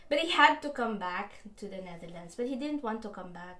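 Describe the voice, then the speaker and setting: A woman's voice: mid-range voice, lively intonation, a little fast, a bit bright. A middle-aged Filipino woman telling personal stories casually, switching between Tagalog and English mid-sentence. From Philippines.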